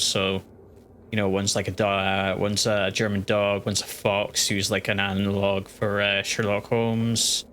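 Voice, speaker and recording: Flat-voiced male streamer rambling casually. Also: on the low side, a little hiss or hum. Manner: rambling, full of fillers and restarts. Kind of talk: casual gaming livestream chat.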